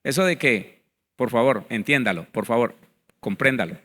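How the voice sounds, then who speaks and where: A man's voice: mid-range voice, normal speed, a bit bright. A male pastor teaching a Bible seminar, reading word definitions aloud and speaking to his listeners directly, with emphatic repetition.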